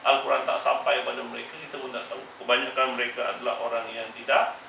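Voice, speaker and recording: A man gives a religious lesson, pressing the same warnings again and again with emphasis. His voice is bright and sits fairly high. It is picked up from a distance in a roomy, echoing space with a faint hiss behind it. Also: level tone, quick pace, gravelly. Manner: emphatic, repetitive admonishing. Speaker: religious teacher. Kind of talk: Quran exegesis class. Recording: echoey room, mic far off.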